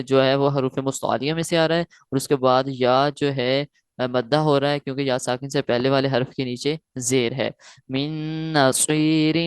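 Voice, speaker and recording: A man teaching Quran recitation online, explaining each rule and then slowly reciting each phrase several times. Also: mid-range voice, clean tone, no room sound, clean studio sound.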